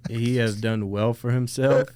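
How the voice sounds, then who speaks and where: A man's voice: medium pitch, steady tone, unhurried, a little mellow, clear, resonant tone, no room sound. A man as a podcast guest, talking in a laid-back, slangy way and often saying "bro". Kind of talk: casual conversation.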